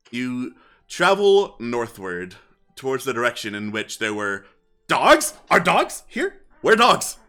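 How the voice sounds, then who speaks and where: Bright-voiced man running a tabletop game. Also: medium pitch. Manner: hesitant, filler-heavy narration with bursts of laughter. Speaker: game master.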